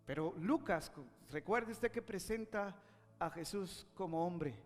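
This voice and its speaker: A man's voice: high-pitched, slow, big-room sound, soft background music. A man preaching a sermon, retelling scripture stories with acted quotes, rising and dropping in intensity.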